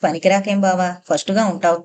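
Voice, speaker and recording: A woman narrator voicing a playful, quick-witted young woman who teases and lightly mocks in an audiobook. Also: on the low side, fairly even intonation, a little mellow, lightly acted. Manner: teasing, lightly mocking. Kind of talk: audiobook character reading.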